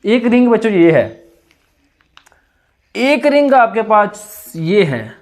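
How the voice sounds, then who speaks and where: A man's voice: sits high, sing-song, takes it slowly. A man teaching chemistry in a classroom-style lecture with a sore throat, asking students questions and answering them himself in repeated call-and-response.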